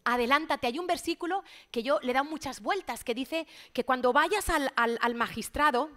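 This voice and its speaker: A middle-aged woman from Spain preaching a sermon in a church, passionate, moving between loud exclamations and hushed, near-whispered lines. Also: high-pitched, moderate pace.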